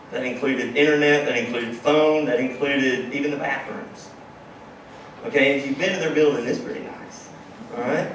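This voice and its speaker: A man's voice: medium pitch, a bit bright, a little hiss or hum. A man telling his startup story in a conference talk, emphatic and punctuating his points with "okay?". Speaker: startup founder giving a talk. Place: large conference room with audience. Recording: very echoey hall, distant mic.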